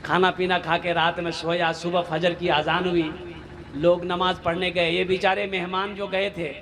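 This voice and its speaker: A man's voice: high voice, little pitch movement, moderate pace, a bit bright. A male Islamic preacher giving a fervent sermon, firing off rhetorical questions and exclamations and often laughing as he preaches.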